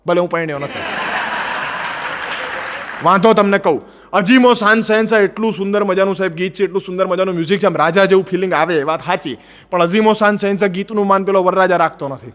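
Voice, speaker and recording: A man with a Gujarati accent doing animated stand-up storytelling, acting out the people in his jokes. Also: high-pitched, fast, big-room sound, some chatter behind. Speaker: stand-up comedian.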